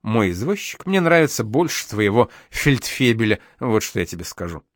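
A man reading aloud a young woman's letter to her husband, with lively, expressive intonation. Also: on the low side, moderate pace, no echo, studio quality.

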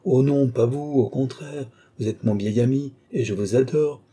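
A man's voice: medium pitch, moderate pace, dark tone, slightly rough, pitched above the performer's own voice, natural voice. A man voicing a capricious, pampered young countess who speaks petulantly and imperiously.

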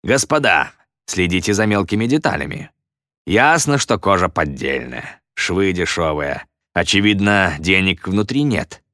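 A man voicing a smug stage magician with a slow, drawn-out, mocking showman delivery in a storybook reading. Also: low-pitched, animated, fairly bright tone, no room sound, clean studio sound.

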